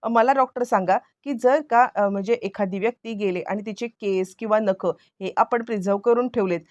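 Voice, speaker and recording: A woman's voice: mid-range voice, brisk, a little mellow, no echo, lo-fi sound, lightly acted. A woman voicing a determined young wife who presses firmly for the truth.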